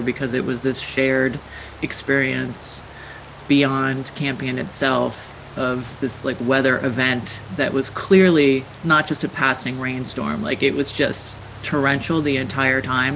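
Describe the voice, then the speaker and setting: A woman, an artist and producer, giving thoughtful, measured answers in an interview. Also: very deep voice, fairly bright tone, a little hiss or hum, low-quality recording.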